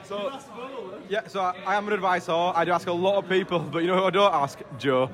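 Man, fairly high voice, fast talk, music behind, cheeky. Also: fairly even intonation, crowd noise. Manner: cheeky, quick joking answers. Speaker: league player. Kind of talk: casual group banter.

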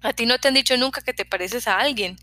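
Chatty young hairdresser, prying and lively, bright tone ; a woman reader doing her. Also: a little high, fast talker, no echo, soft background music. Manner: talkative, prying, lively questions.

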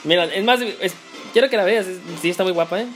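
A man's voice: sits high, fast, fairly bright tone, soft background music. A man with a Mexican Spanish accent, co-hosting a casual comedic chat in a slangy, teasing way. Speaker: co-host.

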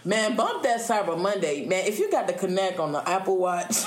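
A man's voice: high voice, big pitch swings, normal speed, noisy background. A man co-hosting a casual podcast, laid-back and laughing. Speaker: podcast co-host. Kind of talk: casual chat. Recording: echoey room.

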